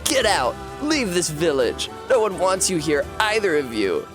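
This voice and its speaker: A man voicing a whiny, bullying village boy who shouts shrilly. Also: very high voice, expressive, unhurried, over music, pitched above the performer's own voice. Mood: furious.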